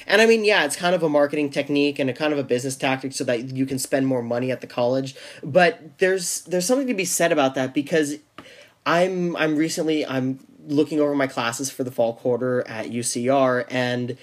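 A young man in casual podcast conversation, talking in a loose, rambling way. He restarts his sentences often and fills the gaps with ums and likes, with a pitch that sits in the ordinary middle. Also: fairly quick. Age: young adult. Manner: rambling with many restarts and fillers. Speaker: podcast co-host. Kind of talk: casual chat.

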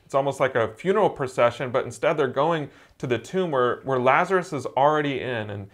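A man who is a church elder, preaching in a relaxed, conversational way and telling a story with frequent "uh"s. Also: mid-range voice, brisk.

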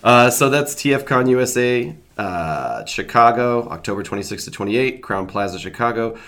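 A man's voice: medium pitch, animated, normal speed, a bit bright. A man hosting a podcast who sounds stuffed up and nasal from a cold, talking in an upbeat, casual way. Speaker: podcast host. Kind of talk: casual chat.

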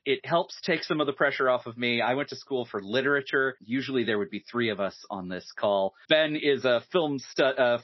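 A man hosting a podcast in casual chat, animated and hesitant with many fillers, laughing easily. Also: medium pitch, no room sound. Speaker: podcast host. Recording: dull lo-fi sound, dry.

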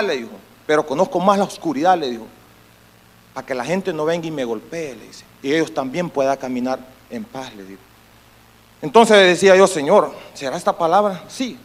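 A preacher with a high voice tells a story to his congregation. He repeats phrases for emphasis and builds toward fervent calls. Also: a bit bright, poor audio. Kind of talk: sermon.

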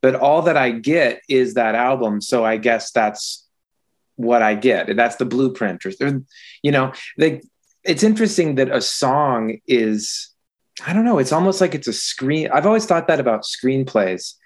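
Middle-aged man, mid-pitched voice, reflective, searching for words, casual talk. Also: expressive, measured pace. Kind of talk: casual chat about music.

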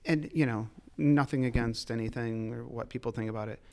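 A man's voice: medium pitch, fairly even intonation, a little fast, dark tone. A man, a liquor retailer telling rambling, laughing stories in a casual podcast chat. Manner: rambling storyteller, laughs often, swears. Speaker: liquor store retailer, guest.

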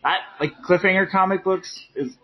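A man hosting a casual podcast chat about comic books, excitable and informal, readily agreeing. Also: high-pitched, moderate pace, muffled recording.

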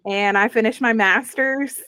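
A woman's voice: fairly high pitch, a little slow, smooth, dry recording. A young woman, telling a personal story in a casual interview and acting out the voices she quotes. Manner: animated, acts out quoted voices. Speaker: guest sharing her story.

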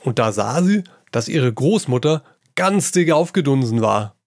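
A man giving a gruff, salty performed reading of a comic story, in the voice of an old sailor yarning to children. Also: medium pitch, animated, unhurried, no room sound, clean studio sound.

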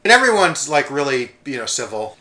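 A man's voice: medium pitch, sing-song, a little fast, bright, forceful tone. A young man co-hosting a casual comedy podcast, rambling and joking, often swearing and mimicking people he tells about. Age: young adult. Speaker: podcast co-host.

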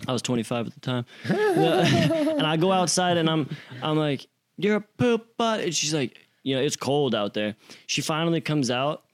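A man's voice: a little high, big pitch swings, normal speed. A young man casually telling a story as an interview guest, acting out quotes with slang and swearing.

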